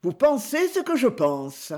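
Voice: mid-range voice, huge pitch swings, measured pace, darkish tone, voice pushed up. A reader voicing a grieving old general, grave and vengeful, in an audiobook. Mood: grim.

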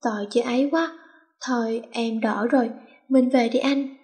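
A woman's voice: fairly high pitch, fairly even intonation, normal speed, warm tone, close to an everyday voice. A woman voicing a brash, cocky teenage schoolgirl gang leader who turns sugary when she puts on an act. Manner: brash and teasing, then sugary.

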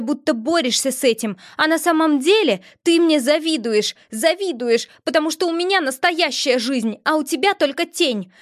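A woman voicing a spoiled young princess who turns from sweetly innocent to shrill and furious in an audiobook. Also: no room sound, studio quality. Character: haughty young princess, spoiled, quick to rage. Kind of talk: audiobook character voice.

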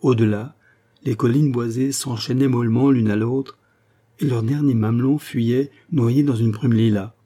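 Dark-voiced male audiobook narrator. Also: mid-range voice, steady tone, moderate pace. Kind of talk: scripted narration of a novel.

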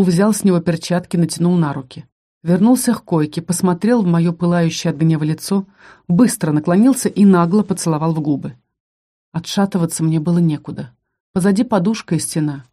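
Calm audiobook reader, mellow low-brightness voice, steady first-person storytelling. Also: fairly quick. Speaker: audiobook narrator.

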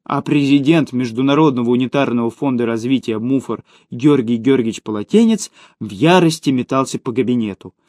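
A man reading audiobook narration in a measured, expressive way. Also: medium pitch, no echo, studio quality.

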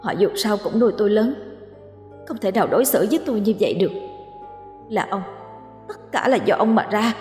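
Lady doing a quiet bitter young girl ghost, higher and hushed, faint music under it. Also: lively intonation, brisk, long pauses, reverberant, in a large hall, natural voice. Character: young woman's vengeful ghost, grieving and bitter.

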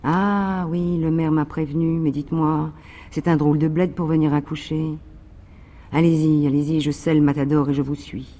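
A man's voice: a little high, flat delivery, moderate pace, dark tone, natural voice. A man reading the lines of a cheerful, joking country doctor in a literary reading, with a long reverb behind his voice. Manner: jovial, joking.

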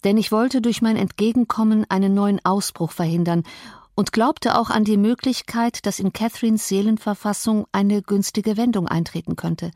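A woman's voice: mid-range voice, a little mellow, no echo. Woman narrating an audiobook, dry close sound. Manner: measured, reflective storytelling.

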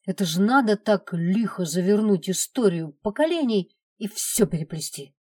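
A woman's voice: mid-range voice, lively intonation, normal speed, mellow, husky, no room sound, studio quality. A woman voicing an impressed young man among friends at a campfire.

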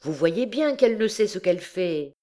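A woman reading aloud voices an anxious young poet who cries out loudly in alarm. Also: mid-range voice, animated, moderate pace, pitched above the performer's own voice, natural voice. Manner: loud alarmed outcry.

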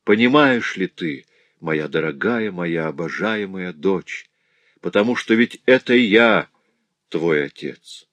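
A man's voice: sits low, animated, takes it slowly, fairly bright tone, no room sound, highs cut off, full character voice. A man voicing a noble prince, a grieving and overjoyed middle-aged father, speaking in an impassioned, exclaiming way.

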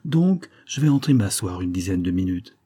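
A man voicing a gentle, earnest young woman in an audiobook, pleading softly with a friend. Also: sits low, big pitch swings, moderate pace, slightly rough, full character voice. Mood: lively.

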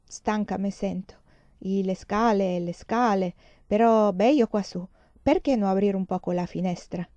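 A woman reading an audiobook, voicing a stout, breathless older Spanish mother who speaks in a shrill, singsong voice with a Spanish-tinged manner. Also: a little slow, warm tone, no echo, natural voice.

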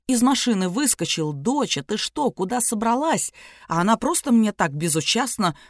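A woman reading an anxious middle-aged businessman and father, hoarse and pleading. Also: mid-range voice, very animated, normal speed, dry recording, clean studio sound. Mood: angry. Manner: hoarse, pleading and shouting by turns.

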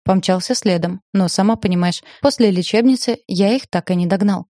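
Timid guilty young man in a storybook, apologetic, read by a woman. Mellow. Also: mid-range voice, brisk, no room sound, studio quality, close to an everyday voice. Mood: sheepish. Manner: sheepish, apologetic.

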